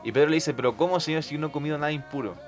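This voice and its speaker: A man's voice: a little high, rapid-fire, soft background music. Man retelling Bible stories. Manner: conversational, retelling Bible passages with restarts. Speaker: podcast co-host.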